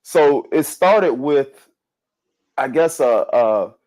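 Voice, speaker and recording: A man in his forties hosting a podcast interview, easygoing and quick to laugh. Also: medium pitch, lively intonation, a little mellow. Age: 40s. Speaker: podcast host. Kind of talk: casual interview chat.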